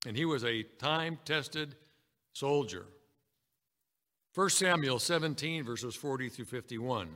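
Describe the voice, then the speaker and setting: A man's voice: medium pitch, a little slow, pauses often, bright, forceful tone, long reverb tail. A man preaching a sermon, reading scripture aloud and calling his congregation brethren.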